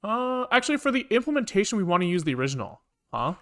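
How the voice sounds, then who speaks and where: A fast-talking man with a high-pitched, sing-song voice live-streams his programming, casually thinking aloud and muttering curses as he works through it.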